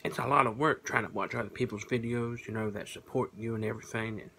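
A man with a bright, forward voice, talking with his mouth full as he chews through a food review. His talk is plainspoken and rambling, full of fillers, over a faint hum of room noise. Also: fairly low pitch, steady tone, fast talker, gravelly. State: talking while chewing. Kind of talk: casual food review vlog.

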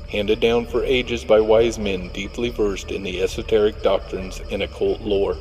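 A male reverend reading a doctrinal text aloud in a measured, formal way. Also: on the low side, a little mellow. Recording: long hall reverb with faint music.

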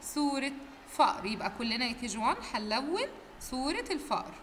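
Egyptian kindergarten teacher lady, sing-song drilling letter sounds, bright tone, a bit of room echo and faint hiss. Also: high-pitched, very animated, fast talker. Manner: stretches out letter sounds and asks the class questions in a sing-song way. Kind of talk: recorded phonics lesson for young children.

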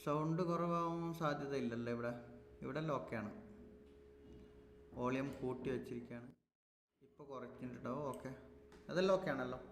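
A man's voice: medium pitch, fairly quick, long pauses. A man with a Malayali accent hosting a casual live stream, chatty and reassuring, repeating himself as he sorts out tech problems. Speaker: YouTube live stream host. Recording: echoey room with long reverb, faint noise.

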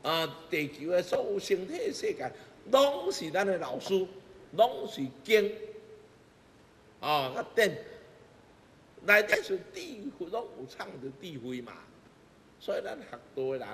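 A man's voice: high-pitched, very animated, a little slow, pauses often, a bit bright, slight background noise. Emphatic Taiwanese man preaching in an echoing hall. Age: middle-aged. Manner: emphatic, rhetorical questions and repeated phrases. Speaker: Buddhist master giving teachings. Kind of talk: sermon. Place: temple hall before a seated congregation. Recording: echoey hall, music bed underneath.

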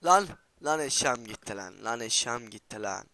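Excitable trash-talking man gaming. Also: medium pitch, no room sound. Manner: repeats words in rapid bursts. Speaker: gaming channel host. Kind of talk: live gameplay commentary.

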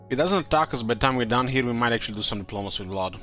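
Man, casual gaming commentary, mid pitch, bright voice, music in background. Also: animated, very fast. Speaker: gaming video host. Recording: game music behind. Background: video game music.

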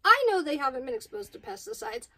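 A woman's voice: very high-pitched, sing-song, fast, creaky, sharp tone. A woman hosting a casual vlog, chatty and playful, laughing often as she talks. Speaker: host of a tarantula keeper channel.

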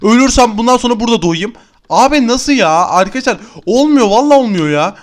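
A young man with a high, bright voice narrates his Minecraft game for his channel. He is excitable and easily exasperated, and he keeps turning to his viewers like friends. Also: quick pace. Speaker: gaming YouTuber. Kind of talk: Minecraft let's-play commentary.

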